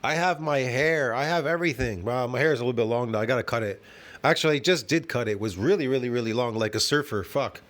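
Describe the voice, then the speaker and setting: A man's voice: medium pitch, fast talker, fairly bright tone. A man in his fifties ranting in a reaction video from home, scornful and profane, constantly tossing in "man" and "bro.". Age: 50s. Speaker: fitness video host.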